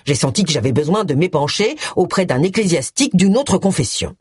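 A woman's voice: lowish voice, animated, a little fast, a little mellow, husky, no room sound, clean studio sound. A woman voicing an indignant middle-aged male vicar who talks curtly and scolds. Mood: defensive. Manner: curt, scolding.

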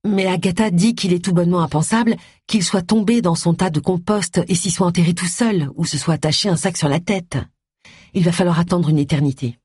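A woman voicing an anxious young woman in an audiobook, talking hushed and quick. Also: on the low side, slightly rough, no echo, clean studio sound.

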